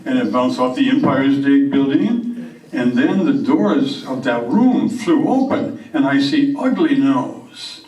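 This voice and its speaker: Guy doing a french-canadian woodsman bragging in broken english, slow tall tales on stage, echoey and a bit far from the mic. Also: mid-range voice, expressive, dark tone. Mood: boastful, storytelling. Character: boastful French-Canadian woodsman, champion moose caller. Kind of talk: comic character monologue on stage. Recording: echoey room, distant microphone.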